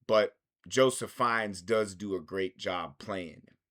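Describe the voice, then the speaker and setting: Deep-voiced, profane film reviewer. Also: male voice, slow, a bit bright. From United States. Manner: profane, rambling, swears constantly. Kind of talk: casual film review monologue.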